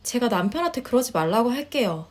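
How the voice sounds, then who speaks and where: A woman as a soft-spoken young wife. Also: a little high, sing-song, fast talker. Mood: polite. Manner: polite, quiet, hesitant. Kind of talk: storytelling voice acting.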